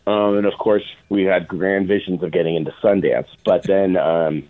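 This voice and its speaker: Interview guest: middle-aged man, low register, informal storyteller, narrow phone-line audio. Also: steady tone, normal speed. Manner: informal, quotes past dialogue in anecdotes. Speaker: interview guest, film producer. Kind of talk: casual anecdotal storytelling. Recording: phone-like, band-limited radio sound.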